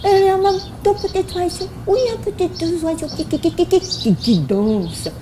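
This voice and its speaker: A woman's voice: very high-pitched, big pitch swings, moderate pace, background noise. A woman voicing a cheerful, eager little child puppet who stutters heavily while telling a Bible story to children. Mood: storytelling. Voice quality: heavy stutter, repeats words many times.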